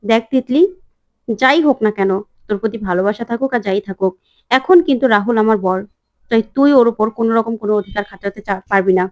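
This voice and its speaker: A woman's voice: medium pitch, fast, dry recording, studio quality, natural voice. A woman voicing an earnest young wife and protective older sister who talks in a firm, scolding way.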